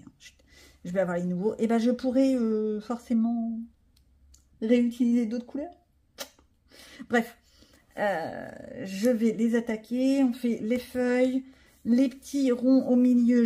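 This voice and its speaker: A woman's voice: on the high side, mellow. A woman vlogger chatting casually to viewers while she colors, with chatty self-mocking asides.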